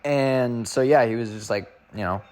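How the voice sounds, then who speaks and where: A man's voice: mid-range voice, moderate pace, a little mellow. A young man chatting casually as a running vlogger, rambling with lots of filler words and slang. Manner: rambling, full of "like" and "bro".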